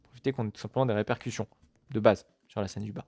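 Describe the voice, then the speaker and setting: A man's voice: on the low side, fairly even intonation, rapid-fire, a little mellow, slightly rough, dry recording. Chatty, swearing man narrating a game. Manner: chatty, swears often, many fillers and asides to viewers. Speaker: gaming video creator. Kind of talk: casual let's-play commentary. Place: at his computer while recording gameplay.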